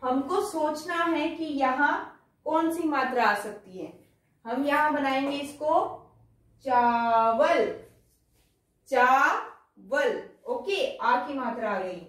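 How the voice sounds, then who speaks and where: A woman teacher giving a children's lesson, reading words out slowly and explaining them patiently. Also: high voice, fairly bright tone. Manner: slow, drawn-out word-by-word reading. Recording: echoey room, voice from far off.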